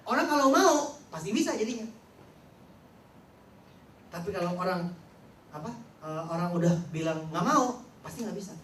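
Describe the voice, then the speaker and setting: A man's voice: sits high, expressive, normal speed, long pauses, a bit bright, a little hiss or hum. A man giving a motivational seminar talk, quizzing the audience and acting out quotes. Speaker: motivational speaker. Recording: roomy sound from far off, faint ambience.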